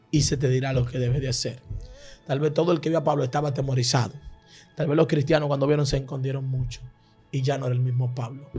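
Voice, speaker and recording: A man preaching a fervent sermon, swelling loud and then dropping to a hushed, prayerful tone, slipping into tongues between phrases. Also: mid-range voice, slightly rough.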